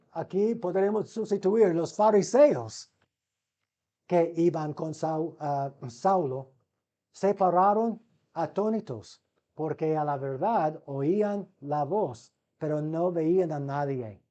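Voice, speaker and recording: A man with a slightly high, warm voice gives a seminary Bible lecture. He calls his listeners brothers, poses rhetorical questions to the class, and frequently restarts words partway through sentences.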